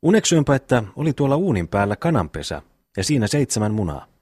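A man's voice: mid-range voice, big pitch swings, darkish tone, breathy edge, dry recording, studio quality. A man voicing a brash, bossy eldest peasant brother in a classic audiobook reading. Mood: blustering. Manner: bossy, quick to scold.

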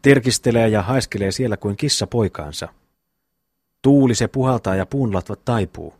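A man reading a blustering, gruff eldest brother. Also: fairly low pitch, a little mellow, no room sound, studio quality. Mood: scolding, mocking. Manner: blustering, scolding speech with a mocking chuckle. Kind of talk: audiobook reading.

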